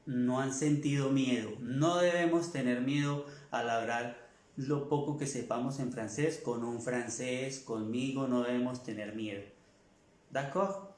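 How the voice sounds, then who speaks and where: A middle-aged man, a native Spanish speaker, giving a French class lecture, repeating his advice slowly and asking rhetorical questions. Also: medium pitch, darkish tone, echoey room. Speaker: French teacher.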